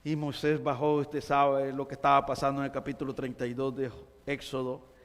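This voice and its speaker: A man's voice: medium pitch, completely flat delivery, a little fast, long reverb tail. A man pastor preaching a sermon, emphatic and repetitive as he addresses the congregation. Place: church sanctuary.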